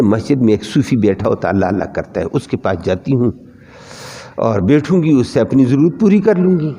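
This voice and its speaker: Animated preaching man in a reverberant hall. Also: medium pitch. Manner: animated storytelling with repeated lists. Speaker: Islamic scholar. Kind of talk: Quran commentary sermon.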